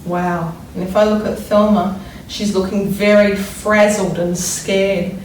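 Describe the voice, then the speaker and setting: A darkish-toned woman of average pitch, with fairly even intonation, reads aloud to young children like a primary teacher, dramatic when reading and deliberate as she thinks aloud to explain. She sounds far away in a strongly echoing space, with faint noise in the background.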